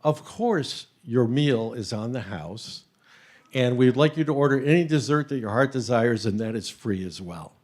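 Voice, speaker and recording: A man's voice: mid-range voice, animated, normal speed, darkish tone, natural voice. A man voicing a hot-tempered male restaurant owner and chef who splutters and barks orders. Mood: apologetic.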